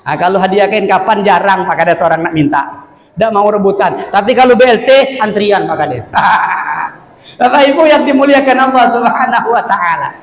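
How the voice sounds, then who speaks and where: A man preaching a humorous village sermon with a South Sumatran Malay accent, shouting and crying out for emphasis between jokes. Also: high voice, moderate pace. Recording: echoey hall, long reverb.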